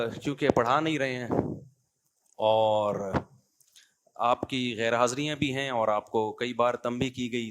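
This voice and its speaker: ایک مرد مبلغ جو گفتگو کے انداز میں بیان کرتا ہے۔ وہ کبھی دھیمی آواز میں قصہ سناتا ہے اور کبھی زور دے کر سامعین سے سوال پوچھتا ہے۔. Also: male voice, medium pitch. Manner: storytelling, swings from quiet asides to emphatic preaching; asks the audience rhetorical questions. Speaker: Islamic preacher. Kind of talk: conversational sermon.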